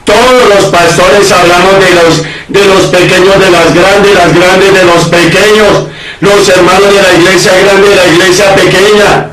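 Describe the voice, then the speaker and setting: A man's voice: high-pitched, steady tone, a little slow, roomy sound, distant mic, a crowd in the background, low-quality recording. A man preaching a sermon as a pastor, with impassioned delivery that keeps calling out to his listeners as brother and sister. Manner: impassioned preaching, repeatedly addressing "hermano, hermana".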